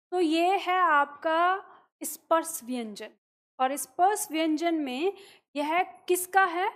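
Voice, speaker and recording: A woman with a high voice teaches a classroom grammar lesson. She explains patiently, asks her students questions and then answers them herself, and she sounds out each letter slowly to demonstrate it.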